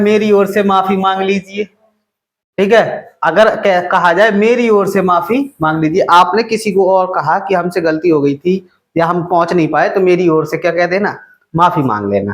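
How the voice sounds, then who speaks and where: A man with an Indian accent teaching a spoken English lesson, often quizzing his students with questions and repeating phrases slowly. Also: sits high. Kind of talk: classroom lesson.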